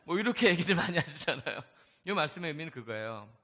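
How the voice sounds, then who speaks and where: A male evangelist and gospel singer preaching a testimony sermon, telling the story in an emotive, animated way. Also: a little high, quick pace.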